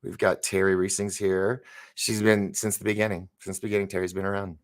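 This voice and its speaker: With a deep voice and flat delivery, this man talks a little fast. He's a San Francisco live stream host in his fifties who rambles casually through viewer comments and stumbles over words. An injury he's recovering from is part of his current state.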